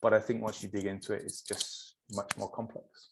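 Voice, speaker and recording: A man's voice: fairly low pitch, level tone, moderate pace, creaky, background noise. A middle-aged man from England, a film studies professor, speaking thoughtfully in an academic discussion. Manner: thoughtful, reflective, searching for words.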